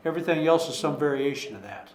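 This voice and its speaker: High-voiced man leading a group study. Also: animated, fast talker, a little mellow. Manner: rambling, with frequent restarts and repeated words; rhetorical questions to the group. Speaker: Bible study leader. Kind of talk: informal Bible study talk. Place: church meeting room. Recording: echoey room recording.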